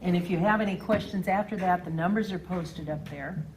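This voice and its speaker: A woman's voice: fairly low pitch, fairly quick. A woman giving an informal, orderly announcement at a club meeting in a matter-of-fact way. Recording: clear room noise.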